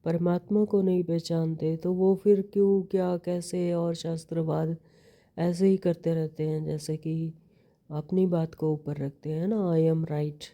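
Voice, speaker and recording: Slow, deep-voiced woman giving a sermon. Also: level tone, dark tone. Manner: explanatory, repeats key phrases, asks rhetorical questions. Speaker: spiritual teacher explaining a daily scripture reading. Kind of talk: devotional sermon commentary.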